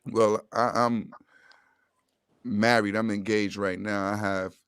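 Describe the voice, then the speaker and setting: A middle-aged man hosting a casual online chat over a video call, talking in a relaxed, slangy way. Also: fairly low pitch, takes it slowly, clear, resonant tone, dry recording, studio quality. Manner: relaxed, slangy everyday speech. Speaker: podcast host.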